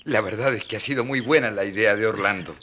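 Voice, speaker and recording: An actor playing an ailing, humble and fervent friar with a gravelly voice in a radio serial. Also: male voice, lowish voice, fast talker, pushed and bright, dull audio, slight background noise. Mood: cheerful.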